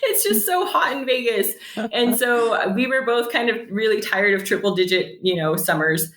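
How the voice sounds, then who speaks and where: In an echoey room, a fairly high-pitched woman in her thirties from San Jose tells stories as a guest on a podcast, keeping a moderate pace. She runs a bakery, talks in a chatty way, laughs a lot, and performs snippets of dialogue with animation.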